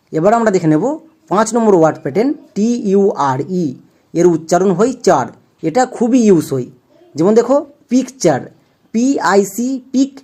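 A woman's voice: mid-range voice, mellow. A woman teaching English pronunciation, patiently spelling out letters and then repeating each sound. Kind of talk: spelling-out lesson for learners.

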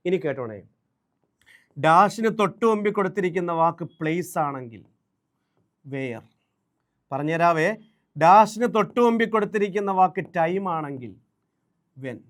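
Brisk high-voiced Malayali man teaching. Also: animated. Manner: brisk and drilling, repeats English examples slowly. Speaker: English teacher. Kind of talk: exam-prep grammar lesson.

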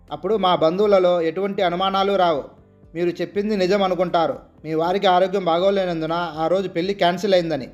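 A man with a high voice voicing the groom's elderly grandmother in a storybook reading, measured and reproachful. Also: muffled recording, natural voice. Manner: measured, reproachful then persuasive.

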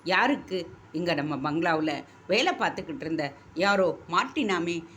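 A woman's voice: fairly low pitch, expressive, unhurried, a bit bright, slight background noise. A woman voicing a sad, troubled young wife who speaks in a subdued, weary way. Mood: sorrowful.

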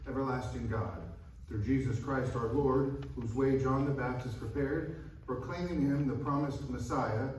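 A male pastor intones the liturgy with a measured, solemn cadence at an ordinary pitch. He is picked up from some distance, and his voice rings through a very reverberant church sanctuary. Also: a little mellow, a little hiss or hum. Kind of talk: liturgical chanting. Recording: very echoey church from far off.

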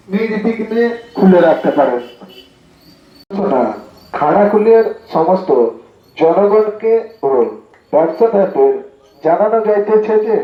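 A man makes a formal public announcement through a megaphone, declaiming in measured short phrases with pauses. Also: high voice. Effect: amplified through a megaphone. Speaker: political party announcer. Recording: echoey, dull lo-fi loudspeaker sound.

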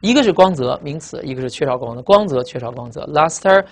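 Male teacher, brisk pace, slightly high voice, repeats words, lesson talk. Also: animated. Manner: repeats words, explains with memory tricks, frequent filler "啊". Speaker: vocabulary teacher. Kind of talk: recorded vocabulary lesson.

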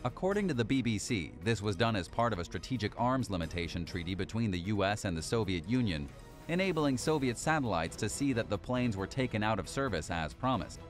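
A man reading a scripted documentary narration in an even, measured countdown style, over faint music. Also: fairly low pitch. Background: faint background music.

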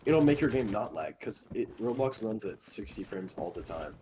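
A man's voice: fairly low pitch, expressive, normal speed, warm tone. A young man chatting casually while gaming with friends, laid-back and dryly teasing. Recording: noisy voice-chat recording.

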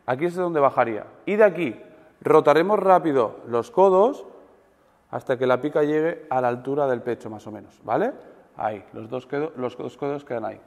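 A man coaching a weightlifting seminar group, animated and demonstrative, checking in with his listeners after almost every point. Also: medium pitch, moderate pace. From Spain. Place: large gym hall. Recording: long gym reverb.

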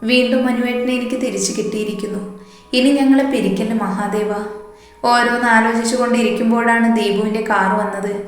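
A woman's voice: fairly high pitch, fairly even intonation, fairly quick. A woman reading a romantic story aloud as the narrator, giving the characters' lines in her own voice. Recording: very echoey room.

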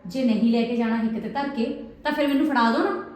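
A woman plays a young newlywed bride, complaining and insistent about what she is owed. Her voice is fairly high. The sound rings in an echoey room. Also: quick pace, close to an everyday voice. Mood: demanding. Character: young discontented new bride. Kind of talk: village family drama acting.

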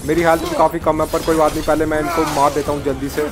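A man giving excitable live commentary as a gameplay streamer, shouting at enemies mid-fight. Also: a little high, quick pace. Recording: loud game music behind voice. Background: loud game music.

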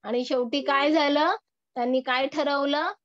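A woman teacher with a Marathi accent and a high, steady voice explains a textbook lesson to her class at a measured pace. She reads a line from a story, then restates it in plain words and poses rhetorical questions. The recording is dry and muffled.

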